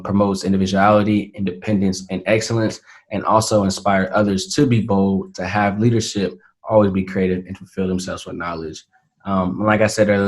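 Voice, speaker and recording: An eighteen-year-old man from Atlanta, Georgia, USA, a young entrepreneur, is a guest in a casual interview. His voice is slightly low for his age, and his answers come across as earnest and measured, with frequent fillers like "um" and "you know."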